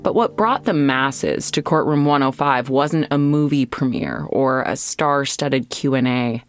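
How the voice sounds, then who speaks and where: An American woman hosting and narrating a scripted true-crime podcast in a measured storytelling way with deliberate pauses. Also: very deep voice, expressive, soft background music.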